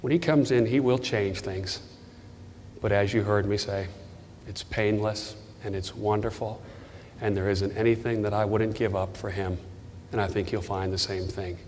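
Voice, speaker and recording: Man, earnest altar-call preacher, lowish voice, long hall reverb, faint room noise. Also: steady tone, moderate pace, a little mellow. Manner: earnest, leads a prayer line by line. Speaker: guest speaker. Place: church hall.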